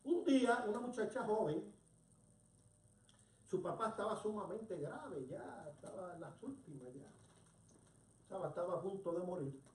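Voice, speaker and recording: Animated preacher in a roomy church. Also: mid-range voice, normal speed, long pauses, a little hiss or hum. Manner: animated, storytelling, asks the congregation questions. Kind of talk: sermon. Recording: roomy hall, distant mic.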